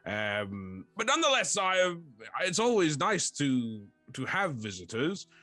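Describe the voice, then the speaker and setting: Man plays a lonely talking fortress, male, shy and formally polite, pitched higher than his own voice, lively tone. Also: unhurried, no room sound, soft background music, full character voice. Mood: wistful. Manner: politely formal and old-fashioned.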